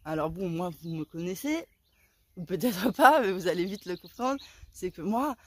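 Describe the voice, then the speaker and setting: A woman in her forties telling a story in a casual vlog, animated and dramatic, with a sore throat that keeps her softer than usual. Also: on the low side, moderate pace, slight background noise. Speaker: vlogger.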